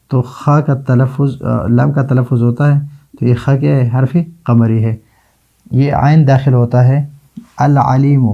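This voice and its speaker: A man teaching Arabic letters in a classroom lesson, slowly drawing out example words and answering his own questions. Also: mid-range voice, dull audio. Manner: slow, drawn-out repetition of example words.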